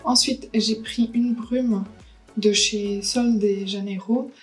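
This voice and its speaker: A woman's voice: mid-range voice, steady tone, slow pace, soft background music, poor audio. A woman, chatting casually through a beauty haul and unboxing, thinking aloud with lots of hesitations. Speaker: beauty vlogger.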